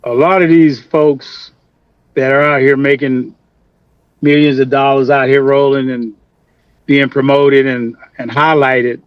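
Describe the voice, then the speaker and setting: A man's voice: medium pitch, flat delivery, a little slow, clean tone, no room sound. A man, a musician guest, speaking emphatically and plainly in a casual interview, heard through a video call. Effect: remote video call audio. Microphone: computer mic on a video call. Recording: muffled dry video call line.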